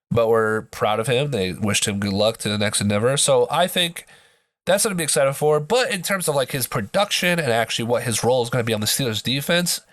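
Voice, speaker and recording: A man's voice: mid-range voice, dry recording, clean studio sound. A man hosting a sports podcast in casual commentary, his voice nasal from a blocked nose, as if pinching it, with joking asides.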